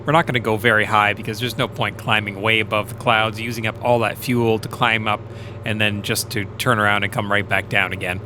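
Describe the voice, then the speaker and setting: A man who is a private pilot, narrating his flight vlog in a relaxed, explanatory way. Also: on the low side, a little fast, noisy background. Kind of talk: casual vlog voice-over narration.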